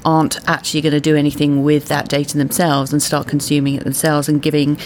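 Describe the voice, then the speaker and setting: Low-voiced woman, quick. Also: completely flat delivery, darkish tone, a little hiss or hum. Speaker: panelist. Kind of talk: casual panel discussion.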